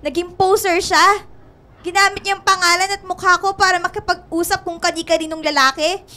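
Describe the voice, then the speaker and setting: A woman's voice: very high-pitched, fairly even intonation, fairly quick, pushed and bright. An actress playing a wronged, indignant young woman in a radio drama, tearful and accusatory, with a Filipino accent. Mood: tearful, insistent.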